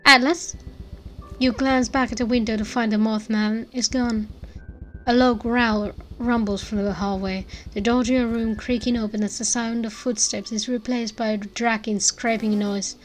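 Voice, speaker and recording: A woman with a fairly high voice narrates a story in the second person. She is dramatic and expressive in her emphasis, and music plays softly behind her. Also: normal speed, low-quality recording.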